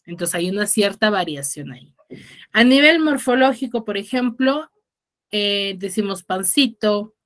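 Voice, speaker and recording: A woman's voice: mid-range voice, a bit bright. A woman with a Peruvian accent from Huaraz, a secondary school teacher explaining a lesson in an online class and often checking with her students. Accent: Peruvian Spanish, Huaraz. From Peru. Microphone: video call.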